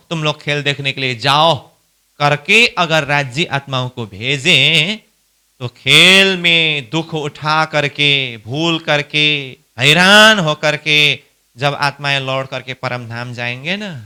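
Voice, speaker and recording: A man's voice: a little high, bright, forceful tone, clear, resonant tone. A man teaching a devotional scripture class, explaining verses by posing questions and answering them himself. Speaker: spiritual instructor.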